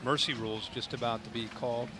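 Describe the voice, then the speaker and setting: A man's voice: medium pitch, fairly even intonation, quick pace, noisy background. A man giving conversational football analysis in live commentary, emphatic and repeating himself.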